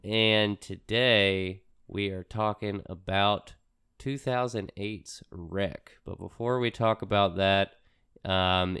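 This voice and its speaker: A man co-hosting a casual podcast while sick, with a congested, stuffy nose and a croaky, froggy voice. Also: low voice, fairly bright tone. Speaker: podcast co-host.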